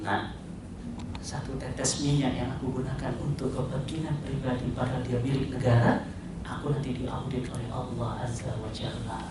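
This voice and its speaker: Solemn, pious caliph with a quiet, grave delivery, put on by a male preacher; distant mic, noisy room. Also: on the high side, expressive, brisk, very echoey, lightly acted. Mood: grave hush. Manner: hushed and grave. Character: solemn, devout male caliph speaking to his son.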